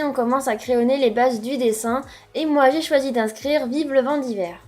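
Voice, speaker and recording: Young female tutorial host, high voice, friendly step-by-step explainer, faint music bed. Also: darkish tone. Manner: chatty, explains each step. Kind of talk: friendly how-to narration.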